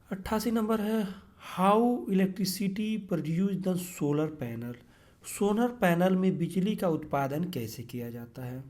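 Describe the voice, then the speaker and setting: A man's voice: on the high side, dark tone. A man, teaching an exam-prep lesson and explaining each question step by step, often checking in with his listeners. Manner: explains step by step, repeats "theek hai" often; reads English questions slowly, then explains in Hindi.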